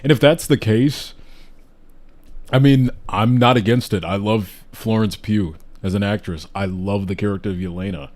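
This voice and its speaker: Low-voiced man chatting enthusiastically. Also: a little mellow. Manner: enthusiastic, rambling with restarts. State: hiccuping. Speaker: host. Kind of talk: casual podcast chat.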